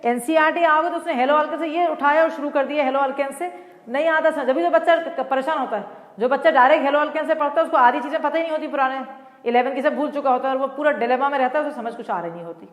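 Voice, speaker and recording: Woman as a chemistry teacher, high voice, patient explainer, reverberant classroom. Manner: explains patiently, mixing Hindi and English, calls students "beta". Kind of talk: online class lecture.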